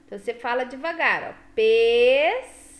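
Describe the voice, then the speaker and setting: A high-voiced Brazilian woman teacher, talking slowly and patiently to small children as she walks them through a workbook. Her pitch swoops up and down in a sing-song way, and she keeps checking in with short questions. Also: big pitch swings, fairly bright tone. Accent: Brazilian Portuguese. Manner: slow, sing-song teacher talk with frequent "tá?" and "ó". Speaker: primary school teacher. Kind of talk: explaining a workbook to young children.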